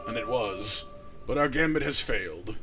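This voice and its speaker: An actor playing a weary, defeated aging ruler in a video game, speaking gravely and slowly. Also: male voice, on the low side, animated, pushed and bright, soft background music. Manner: grave, slow and resigned. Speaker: game character.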